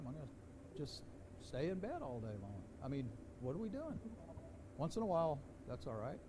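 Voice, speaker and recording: A man's voice: a little high, background noise. A man preaching a sermon in a church, folksy and conversational, building to emphatic questions. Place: church sanctuary.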